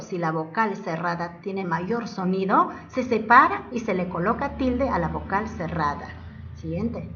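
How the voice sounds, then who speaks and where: A woman's voice: fairly high pitch, fairly bright tone, slight background noise. A woman teacher explaining a lesson step by step, asking questions and then answering them herself. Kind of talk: classroom lesson narration. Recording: distant, dull lo-fi mic.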